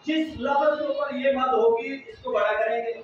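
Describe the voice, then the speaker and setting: A man teaching children to read the Quran, asking questions and repeating them, drawing out each sound slowly. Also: very high voice. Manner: slow, drawn-out pronunciation drills. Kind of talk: classroom lesson. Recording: very echoey, distant, muffled, slight noise.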